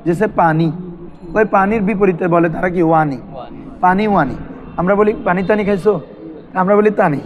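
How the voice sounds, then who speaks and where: A man's voice: high voice, normal speed, long pauses, muffled recording. A man teaching a classroom grammar lesson, asking his students questions and repeating terms for them to answer. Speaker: madrasa teacher.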